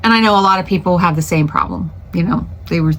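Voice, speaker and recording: A woman's voice: on the low side, quick pace, fairly bright tone, a little hiss or hum. A middle-aged woman running a small craft business, chatting casually in a vlog from her home studio, rambling with lots of fillers and restarts.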